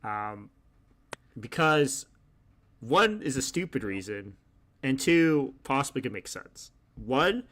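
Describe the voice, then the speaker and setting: Animated, rambling podcast host man. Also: medium pitch, slow, long pauses. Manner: rambling, laughs often, many fillers. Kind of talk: casual chat.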